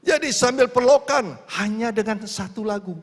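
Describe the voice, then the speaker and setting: A man's voice: very high voice, moderate pace. A man preaching a sermon, telling stories with acted quotes and building to fervent calls to praise. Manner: storytelling with acted quotes, rising to fervent exhortation. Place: large church hall. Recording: long church reverb.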